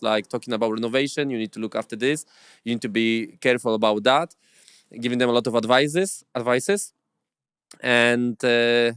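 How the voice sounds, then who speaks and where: A property investor tells his story as an interview guest, speaking halting non-native English with lots of fillers and restarts. His mid-range voice is a bit bright and smooth, recorded in a clean studio with no echo.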